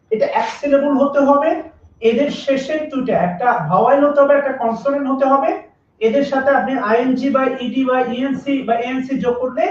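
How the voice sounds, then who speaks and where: A man teaching English grammar in a live online class, repeating each rule and asking students to comment to confirm they understand. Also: very high voice. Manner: repetitive, drills rules and asks students to comment. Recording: echoey room, distant mic, dull lo-fi sound.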